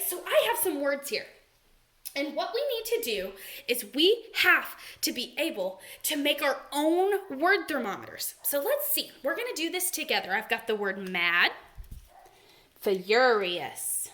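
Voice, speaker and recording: A young woman teaching second graders a word lesson, animated and sing-song, gasping with excitement as she talks to the children. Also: fairly high pitch. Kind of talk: remote read-aloud lesson for young children.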